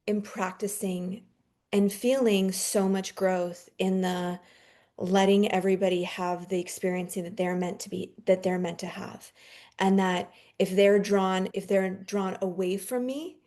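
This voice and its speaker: A woman's voice: mid-range voice, steady tone, measured pace, warm tone. A woman giving a heartfelt, reflective personal share in a circle, casual and open. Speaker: panel participant.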